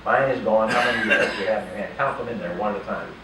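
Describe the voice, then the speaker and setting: A man's voice: fairly low pitch, rapid-fire. Older man joking through a magic act. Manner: jokey, chatty banter with volunteers. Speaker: stage magician. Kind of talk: live magic show patter. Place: casino showroom stage. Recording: echoey, distant, noisy live room.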